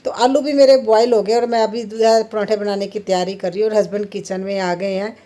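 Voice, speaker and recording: A woman's voice: medium pitch, steady tone, a little fast, warm tone. A woman in her thirties chatting to viewers while cooking in her home kitchen, laughing often as she talks. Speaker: home vlogger. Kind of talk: casual kitchen vlog narration.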